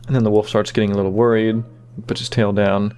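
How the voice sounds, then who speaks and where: Speaking fast in a low voice, a man gives relaxed behind-the-scenes remarks on his own animation. He uses lots of fillers, such as "you know" and "kinda."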